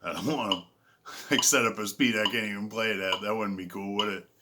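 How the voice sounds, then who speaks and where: A man giving a casual guitar lesson in a relaxed, self-deprecating way, calling out frets and counting beats. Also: fairly low pitch, a little fast, heavy background noise. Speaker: guitar teacher. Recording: loud guitar playing behind the voice. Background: electric guitar.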